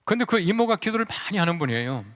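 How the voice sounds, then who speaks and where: A man's voice: sits high, quick pace. A male pastor telling a story in a conversational sermon and leading his congregation in call-and-response. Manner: conversational, animated storyteller who acts out quoted voices. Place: large church sanctuary. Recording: reverberant church sanctuary.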